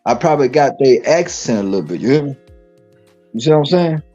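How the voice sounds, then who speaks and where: On a casual live stream, a man from Dallas, Texas talks in a husky, mellow, medium-pitched voice, animated and quick. He tells stories emphatically, repeating phrases and restarting often, over faint background music in dull, lo-fi audio.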